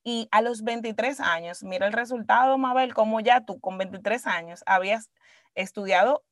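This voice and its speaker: A woman's voice: fairly high pitch, normal speed, no echo, clean studio sound. A woman with a Dominican Spanish accent in casual conversation, reflective and emphatic, slipping English words into her Spanish and checking for agreement. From Dominican Republic. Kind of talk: casual conversational interview, personal storytelling.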